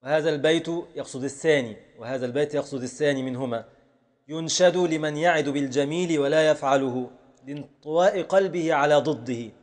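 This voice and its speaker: Sheikh teaching grammar, higher voice. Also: male voice. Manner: explains slowly, repeats word forms, answers students' questions. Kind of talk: classroom lecture.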